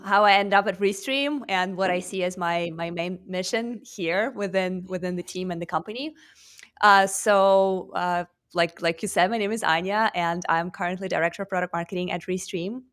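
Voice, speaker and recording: A woman's voice: mid-range voice, moderate pace, fairly bright tone. Female interview guest, 30s, from Russia, chatty, many fillers. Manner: chatty, fluent with frequent fillers. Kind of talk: online interview.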